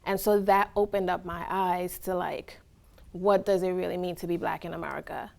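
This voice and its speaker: A woman's voice: lowish voice, fairly even intonation, moderate pace, gravelly, darkish tone. A woman from Trinidad and Tobago giving reflective, earnest answers in a casual interview, often checking in with "right?". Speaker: interviewee, college staff.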